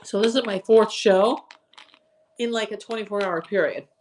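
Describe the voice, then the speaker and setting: On a live online auction stream, a woman chats casually, listing items and greeting viewers by name, at normal speed in a medium-pitched, darkish voice. It's tired and a bit hoarse after hours of talking, and a little hiss or hum can be heard.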